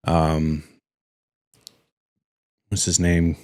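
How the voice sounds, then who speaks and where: A man co-hosting a podcast in casual chat, laid-back and halting. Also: rumbling low, completely flat delivery, background noise. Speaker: podcast co-host.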